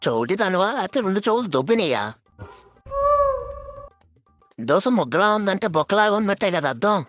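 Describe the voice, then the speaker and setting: A woman's voice: medium pitch, expressive, rapid-fire, soft background music, close to an everyday voice. A woman voicing a hot-tempered, insulting young man in a cartoon. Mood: irritated, scornful. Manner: shouting insults, blunt.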